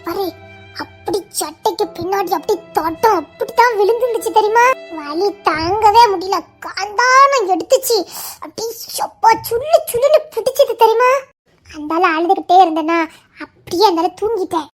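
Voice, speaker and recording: A shrill, very high young wife, played by a woman, childlike and petulant. She sulks and refuses in playful bursts, her voice piercing and bright. The style is that of a Tamil audio drama. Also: lively intonation, normal speed, soft background music. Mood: tearful recounting.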